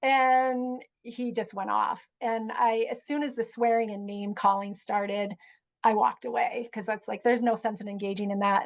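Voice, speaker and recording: A woman educator telling a personal story in a relaxed interview, with frequent ums and you-knows. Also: mid-range voice, poor audio. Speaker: guest educator. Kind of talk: conversational storytelling.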